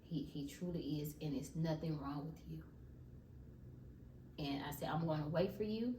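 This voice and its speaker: In a low, dark voice at a moderate pace, a female vlogger passionately testifies about her faith, speaking to "y'all." A little hiss or hum is audible, and the echoey room makes her sound far away.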